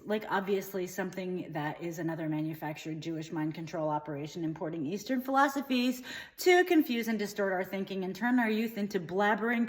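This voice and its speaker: A woman delivering a rambling comedic character monologue, drifting between topics and trailing off with dismissive asides. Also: medium pitch.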